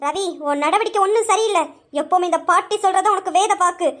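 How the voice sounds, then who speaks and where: A woman playing a scheming old grandmother villain in an audio drama, piercingly high and shrill, barking insults and orders with cold scorn. She talks down to everyone around her. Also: fairly quick, a bit bright. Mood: scornful. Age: older. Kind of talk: amateur Tamil audio drama.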